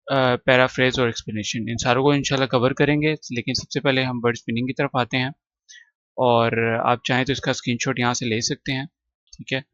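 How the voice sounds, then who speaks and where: A man's voice: mid-range voice, a bit bright, no room sound, muffled recording. Patient male teacher. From Pakistan. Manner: patient, repeats words and drills pronunciation. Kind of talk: classroom lesson explaining vocabulary.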